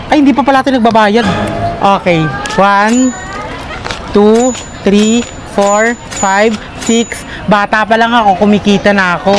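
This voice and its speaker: A vlogger chatting casually to a handheld phone camera, excitable and joking, out on city streets and in a shop. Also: medium pitch, unhurried, music in the background, rough recording. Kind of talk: casual vlog chat. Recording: busy street noise. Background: traffic noise.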